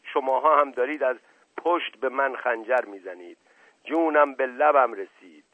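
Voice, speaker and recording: A man's voice: mid-range voice, no echo, close to an everyday voice. A man voicing a paranoid, pompous older male family patriarch in a story reading, indignant and dramatic. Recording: dry, slightly dull audio.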